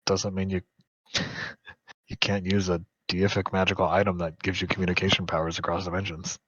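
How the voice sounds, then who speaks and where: A man's voice: low voice, little pitch movement, brisk, fairly bright tone, breathy edge, dry recording. A man playing in a tabletop game, joking and wry in casual chat. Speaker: player. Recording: dull, dry lo-fi audio.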